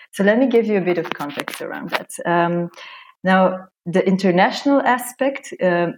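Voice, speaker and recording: A podcast guest who grew up in Belgium chats in a friendly way during a casual interview, using plenty of fillers. Her voice is fairly low in pitch with a darkish tone.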